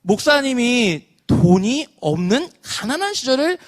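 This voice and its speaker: Children's pastor, man in his thirties, high-pitched, keeps quizzing the kids. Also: a little slow. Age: 30s. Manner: lively, asks children questions and leads call-and-response. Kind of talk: online children's sermon.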